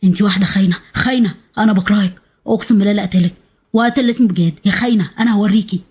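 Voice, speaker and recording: Woman reading an enraged jealous husband, Egyptian accent, rapid-fire, slightly husky, storybook. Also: mid-range voice, close to an everyday voice. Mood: furious. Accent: Egyptian Arabic. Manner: shouting accusations, rushed. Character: furious jealous young husband, violent and accusing.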